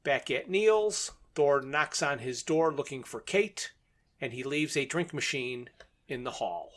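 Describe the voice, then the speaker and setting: In a conversational podcast recap of a radio drama episode, a male co-host walks through the plot step by step, frequently chuckling. He speaks at medium pitch with a fairly bright tone, animated but at a measured pace.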